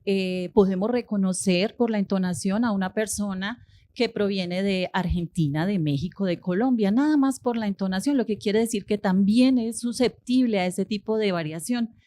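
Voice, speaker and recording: A woman's voice: medium pitch, moderate pace, dark tone. A woman giving an academic linguistics lecture, explaining step by step with rhetorical questions and frequent hesitations.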